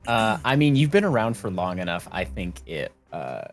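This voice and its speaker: Tabletop player with very lively pitch swings. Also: moderate pace, faint music behind. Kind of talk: casual hesitant role-play chat.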